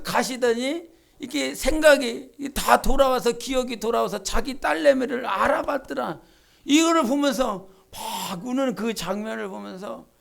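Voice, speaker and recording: Fervent woman pastor with a gravelly voice. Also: high voice. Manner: fervent, swings from hushed asides to shouted pleas. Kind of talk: Sunday sermon. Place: church sanctuary.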